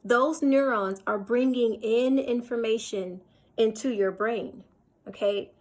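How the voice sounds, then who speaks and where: A woman's voice: on the high side, slow pace. A woman teaching a recorded lecture over slides, explaining step by step and repeating points, with many fillers and restarts.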